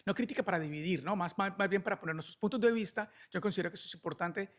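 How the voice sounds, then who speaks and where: Speaking high and at a racing pace, this middle-aged Colombian man from Cali guests on a podcast as an alternative medicine doctor. He explains things in a conversational way, regularly adding checking questions like "¿no?".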